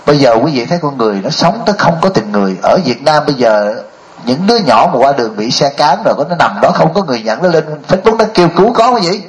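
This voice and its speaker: An older Buddhist monk gives a dharma talk, telling stories and frequently posing rhetorical questions to the audience. His voice is fairly high, very animated and fast. The recording is rough.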